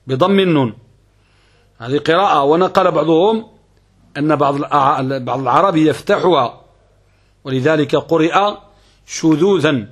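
A middle-aged man with a Moroccan accent, a sheikh lecturing on Arabic grammar, reciting verses and readings slowly and deliberately. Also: on the high side, husky.

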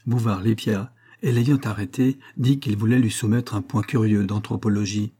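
A man's voice: fairly even intonation, moderate pace, dark tone, husky. A man reading a classic novel aloud, lifting his voice for the quoted dialogue. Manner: acts out dialogue with raised pitch. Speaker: audiobook reader. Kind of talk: literary audiobook narration.

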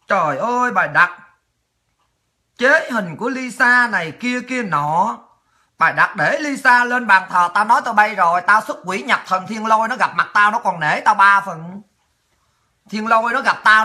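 A woman's voice: fairly high pitch, pushed and bright. A woman hosting a political livestream, ranting angrily and taunting her critics with profanity. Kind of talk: angry ranting monologue.

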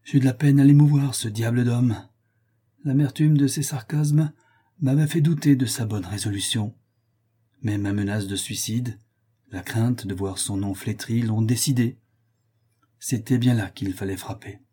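A man's voice: medium pitch, moderate pace, mellow, slightly rough, lightly acted. A man reading the part of a young viscount who pleads with his father and then schemes aloud. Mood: scheming.

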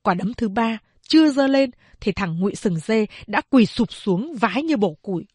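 A woman reading a novel aloud as audiobook narrator, slow and deliberate. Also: on the high side, animated, a little mellow, breathy edge, no room sound, clean studio sound.

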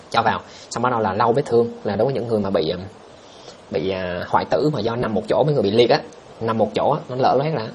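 A man with a mid-range, somewhat dark voice hosts a casual livestream, reading viewer comments aloud and answering them in a blunt, scoffing manner. There's a slight hiss or hum in the audio.

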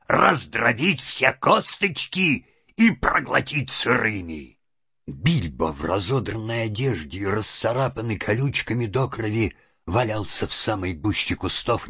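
A man's voice: on the low side, sharp tone, slightly rough, dry recording. A man narrating an audiobook in a dramatic storytelling manner. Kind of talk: expressive scripted narration. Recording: dull lo-fi audio.

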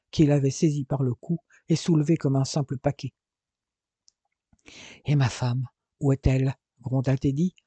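A man reading an adventure novel aloud as an audiobook narrator, with a lively, dramatic delivery. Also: on the high side, dry recording.

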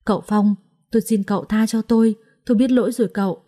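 A woman's voice: mid-range voice, fairly even intonation, fast, mellow, natural voice. Woman voicing a sobbing old servant woman. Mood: pleading. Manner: sobbing pleas.

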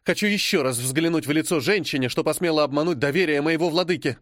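A man's voice: a little high, fast talker, fairly bright tone, dry recording, clean studio sound, natural voice. Man voicing a tense, loyal young princess. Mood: restrained anger. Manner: tense, restrained. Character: young princess, fiercely loyal, restraining anger.

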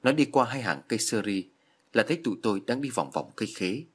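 A man narrating a horror story in an expressive, dramatic reading. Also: on the low side, fast talker, husky.

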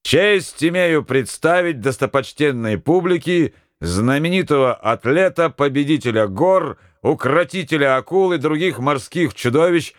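A man's voice: a little high, lively intonation, a little slow, few pauses, dry recording, clean studio sound, voice pushed up. A man voicing a small, fidgety sailor who mockingly announces a comrade in a grand herald's voice. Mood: mock solemn. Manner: pompous, declaiming.

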